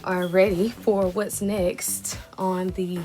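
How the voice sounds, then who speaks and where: Woman vlogger, lowish voice, casual and chatty with mouthfuls of food, music bed underneath. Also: little pitch movement, takes it slowly, warm tone. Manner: chatty, self-conscious, talks between bites. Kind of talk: casual chat while eating.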